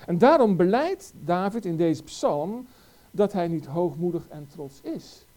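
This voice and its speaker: A preacher delivers a sermon in a warm, dark voice. The pitch swings widely as the preacher presses question after rhetorical question on the listeners. The delivery is earnest and emphatic throughout. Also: sing-song, a little slow.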